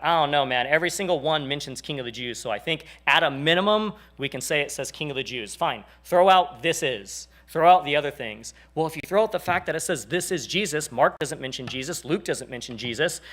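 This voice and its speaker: A man in his forties leads a church class, speaking in a relaxed, joking way. His voice sits a bit high for a man. He slips into little acted voices when he quotes people. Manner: animated, jokey, acts out quoted people. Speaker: church teacher. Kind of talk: casual teaching talk.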